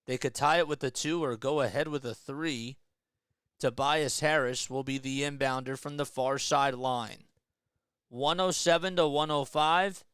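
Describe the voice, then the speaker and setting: A young man doing live fan play-by-play of a basketball game, excitable, yelling at big plays and dropping to a hushed mutter between them. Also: medium pitch, moderate pace, clear, resonant tone, no room sound, studio quality.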